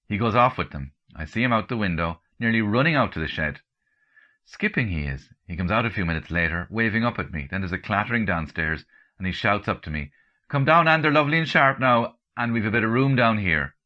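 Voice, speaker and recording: An Irish man with a deep yet bright voice reads a comic story in the first person. He tells it dryly, dropping deadpan asides along the way. The recording sounds dull and lo-fi. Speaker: comedian and author reading.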